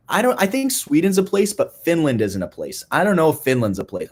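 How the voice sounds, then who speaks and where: Young guy, youth group speaker, deadpan joking conspiracy bit, talks to a live room. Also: medium pitch. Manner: playful deadpan, mock-serious, rambling with restarts.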